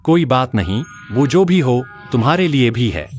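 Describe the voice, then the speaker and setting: A man's voice: mid-range voice, sing-song, moderate pace, darkish tone, muffled recording, lightly acted. A man dubbing a wealthy young male lead in a drama, cool, sarcastic and possessive. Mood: cold. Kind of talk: Hindi dubbed TV drama. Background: drama score music.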